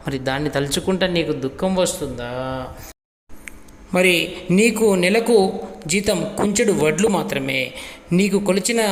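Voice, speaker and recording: A man's voice: fairly high pitch, slight background noise. A man teaching a class lesson, explaining a poem line by line with many repeated rhetorical questions. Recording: echoey room with long reverb.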